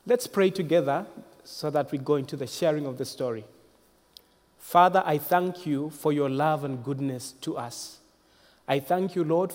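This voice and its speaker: A young man with a fairly high voice speaks in a formal, reverent, measured way, praying and telling his story as a guest minister. His words ring with a long echo from a church hall. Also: a little mellow. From Zambia. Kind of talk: prayer and personal testimony.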